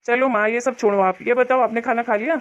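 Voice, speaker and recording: A woman voicing a grown son in an animated cartoon, a mild shopkeeper who placates his mother. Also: fairly high pitch, fast, lightly acted. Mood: placating. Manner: placating, reasonable. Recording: dull lo-fi audio.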